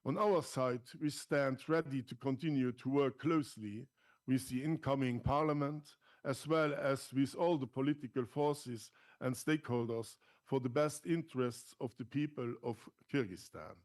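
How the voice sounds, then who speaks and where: A man speaking as an election observation mission official, delivering a formal prepared press conference statement in a deliberate, read-out manner. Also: medium pitch, fairly even intonation, darkish tone.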